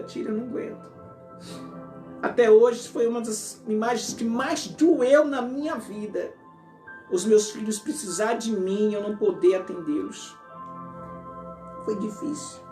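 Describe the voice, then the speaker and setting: A man preaching an emotional testimony as an apostle, his voice often sinking to a hush. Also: sits high. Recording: echoey church hall with music.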